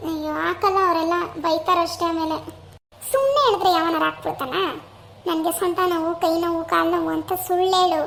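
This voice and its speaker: Very high-voiced woman in cartoon comedy. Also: fairly bright tone, a little hiss or hum. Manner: chatty, scolding and gossipy by turns. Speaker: voice actor doing both the young wife and the meddling aunt.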